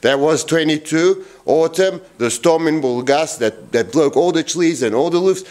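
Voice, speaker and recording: A man's voice: fairly high pitch, normal speed. A man in his forties giving a rambling, blunt workshop tour in a large wooden boat shed, filming himself with a handheld camera. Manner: rambling, blunt and animated, with many restarts. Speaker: boatbuilder vlogger. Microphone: handheld camera at arm's length.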